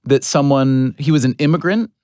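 A man talking casually as a guest author, mid-pitched and wandering through his thoughts with plenty of self-mocking asides. The sound is dry and close, with no room echo. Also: moderate pace, darkish tone, smooth. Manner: rambling, self-deprecating, laughs at himself. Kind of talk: casual podcast conversation.

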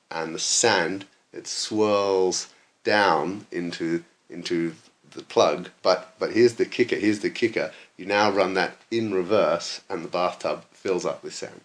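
A man's voice: low voice, unhurried. A man putting on a drunk man's voice, rambling and repeating himself as he insists on a nonsense explanation. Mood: drunkenly insistent. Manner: slurred, repetitive, insistent.

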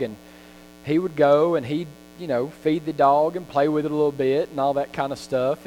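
A man's voice: fairly high pitch, a little mellow. A man preaching a sermon in a conversational, folksy way, with frequent ums and restarts, recorded in a church. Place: church sanctuary. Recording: reverberant hall with mains hum.

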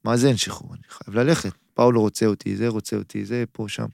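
A man in his thirties spins a story in casual chat, jumping between his own lines and the other person's. His voice has a gravelly, fried edge, recorded dry and close to the mic. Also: lowish voice, no echo. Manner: animated, acts out both sides of phone calls. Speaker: guest footballer.

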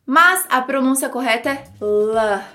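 A woman with a Brazilian Portuguese accent teaching English pronunciation in a lively, chatty way, slowing down to model words for repetition. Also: high-pitched. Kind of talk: pronunciation lesson video.

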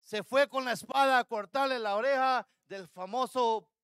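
High-voiced preaching man, dry sound. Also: normal speed, a bit bright, clear, resonant tone, dry recording. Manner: preaching, acts out dialogue of biblical figures; addresses congregation as brothers. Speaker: pastor. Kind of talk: sermon.

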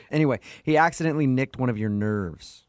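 A man's voice: medium pitch, normal speed, no room sound. A male radio host making a prank phone call, playing it straight, pretending not to understand and stifling laughs. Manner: deadpan, feigning confusion, stifled laughter.

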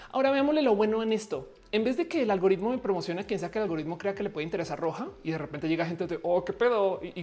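A woman with a Mexican Spanish accent hosts a casual online livestream, her voice lowish and a little mellow. She chats and jokes informally, filling her talk with fillers and frequently restarting her sentences.

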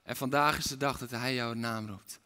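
A man's voice: mid-range voice, fairly even intonation, moderate pace, sharp tone. A man preaching a sermon as a pastor, with an impassioned, repetitive preaching cadence. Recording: long reverb of a large hall.

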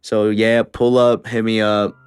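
A young man hosts his own podcast solo from the Salt Lake area of Utah, chatting in a laid-back way full of slang, swearing and filler words. His voice is lowish and level, a little slow, with soft music playing in the background.

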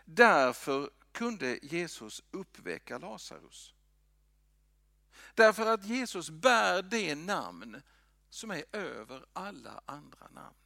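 A man preaching a sermon in a church, swinging from loud lines to hushed whispers. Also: fairly high pitch, big pitch swings, vocal fry, dry recording, studio quality. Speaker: pastor.

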